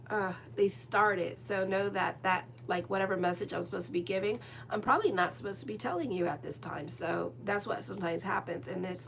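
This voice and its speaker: An astrologer gives a casual tarot horoscope reading, rambling and chatty with lots of fillers, frank and direct with her listeners. Her voice is mid-range and gravelly, with slight background noise.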